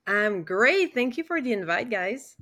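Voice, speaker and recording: A woman's voice: fairly high pitch, big pitch swings, a little slow, fairly bright tone. Woman explaining her business as a guest. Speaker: guest, business offer specialist. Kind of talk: interview answers. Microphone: remote call recording.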